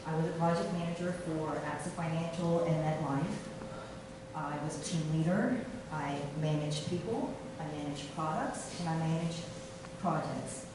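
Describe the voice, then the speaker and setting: A middle-aged woman, a city council candidate from Taiwan, giving a halting campaign speech full of fillers and restarts. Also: low voice. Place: meeting room. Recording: echoey room from far off, noisy.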